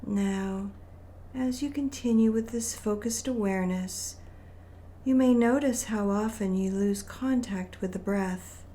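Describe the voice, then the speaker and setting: Leading a guided meditation, a woman speaks in a gentle, soothing mid-range voice, choosing her phrasing deliberately and pausing at length. Slight background noise can be heard.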